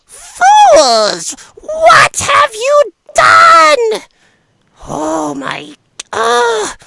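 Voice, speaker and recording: A man voicing a tiny, regal winged fairy who scolds indignantly in a squeaky little voice during a tabletop game. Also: huge pitch swings, extremely slow, vocal fry, sharp tone, shouting, a little hiss or hum, exaggerated voice. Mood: horrified outrage. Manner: shrill, outraged exclaiming.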